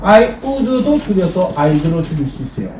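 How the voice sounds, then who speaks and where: High-voiced man teaching English in a room. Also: big pitch swings, darkish tone. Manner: repeats English phrases slowly, cues class with "start". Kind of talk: classroom lecture with call-and-response drills. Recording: echoey room, distant mic, faint noise.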